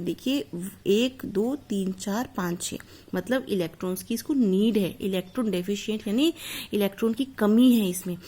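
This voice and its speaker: A woman's voice: on the high side, darkish tone. A woman teaching a chemistry lesson, explaining each step and often addressing her students directly. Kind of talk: classroom lecture.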